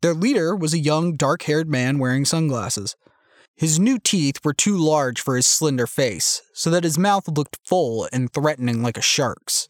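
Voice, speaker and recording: A man narrates a first-person novel in a measured, steady reading voice. His pitch sits a little high for a man. The sound is close and dry, with no room around it. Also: dry recording. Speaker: audiobook narrator.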